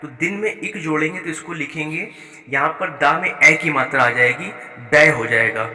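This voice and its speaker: A man's voice: on the high side, sharp tone. Patient male Hindi teacher, echoey room. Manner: slow, patient, spells words out sound by sound. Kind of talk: explaining a school exercise. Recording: echoey room with long reverb.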